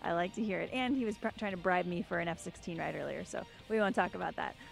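A woman's voice: lowish voice, fast, gravelly, faint music behind. A young woman hosting outdoors at a race track, speaking energetically into a handheld mic. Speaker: host. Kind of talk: upbeat presenting and interviewing.

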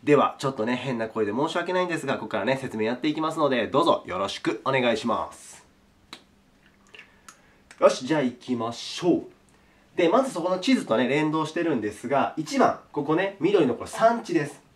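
Speaking slowly and politely, a man with a hoarse, sore-throated voice teaches a recorded geography lesson and checks in with his students along the way. His voice sits in the mid range but swings widely in pitch.

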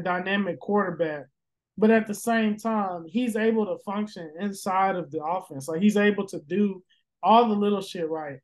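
A man with a fairly high voice talks football on a casual podcast. He rambles, circling back through fillers and restarts, and swears freely as he thinks out loud. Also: rough recording. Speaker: podcast host. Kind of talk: casual sports podcast chat.

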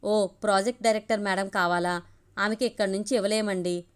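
A blunt office telephone operator who speaks briskly, put on by a woman reading a storybook. She keeps a plain everyday voice at a middle pitch. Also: steady tone, smooth, close to an everyday voice. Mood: polite. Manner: brisk, calls out loudly.

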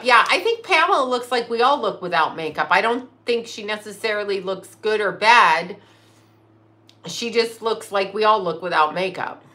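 A woman's voice: mid-range voice, sharp tone. A woman in her fifties chatting casually on a livestream, rambling from topic to topic and answering viewers' comments aloud. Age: 50s. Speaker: livestream host. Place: in a car.

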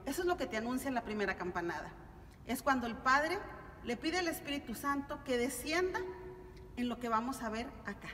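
Inside a big stone-walled church, a middle-aged catechism teacher instructs families with a high-pitched, animated, fairly quick and somewhat bright voice. She teaches didactically and asks check-in questions, heard through a distant camera mic amid echo and noise.

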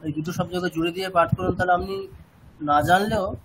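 Teaching Sanskrit chanting to his students, a man with a West Bengal Bengali accent talks fairly quickly in a high, steady voice. He repeats himself and asks rhetorical questions, with background noise audible.

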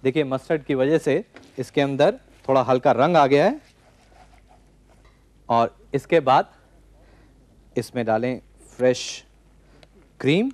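A man in his forties hosting a TV cooking show, calmly explaining a recipe step by step from a studio kitchen set. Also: medium pitch, slow, pauses often. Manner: calm step-by-step instructing. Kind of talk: cooking demonstration.

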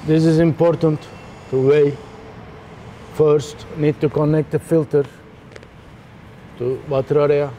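A man in his thirties on a factory floor, explaining machine installation step by step in halting, simple phrasing. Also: fairly high pitch, flat delivery, warm tone, slight background noise. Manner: halting non-native phrasing, slow and step-by-step. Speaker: technician demonstrating machine installation. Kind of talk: instructional walkthrough.

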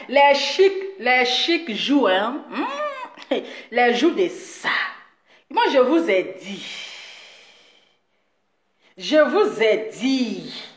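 A woman talking straight to her viewers in a boastful, mocking rant, teasing her critic with drawn-out words and frequent laughs. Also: on the high side, very animated. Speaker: video blogger addressing her audience. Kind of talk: boastful direct-to-camera rant. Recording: echoey room.

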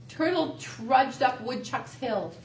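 Librarian for kids' storytime; expressive, high, lively, slow, roomy room with a distant mic. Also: female voice. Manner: sing-song, gentle, expressive. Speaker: children's librarian. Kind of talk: storytime read-aloud.

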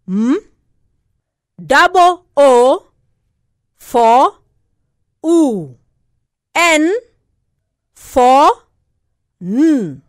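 A woman teaching a literacy lesson to children, spelling out words slowly and repeating each letter and sound. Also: sits high, a bit bright, dry recording, studio quality. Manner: slow, deliberate, repeating each word and letter.

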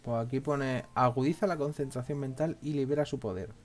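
A man's voice: mid-range voice, steady tone, a little fast, darkish tone. A man casually chatting during a video game session, laughing often and checking choices with his partner. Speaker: let's play co-host. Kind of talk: casual gaming chat.

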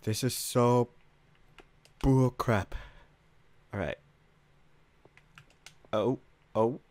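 A man's voice: drawn-out words, darkish tone, no echo. A young man narrating his own game attempts, swearing and yelping in frustration when he fails. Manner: raging, swearing, voice cracking high when failing. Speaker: gamer. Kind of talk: Minecraft parkour gameplay commentary.

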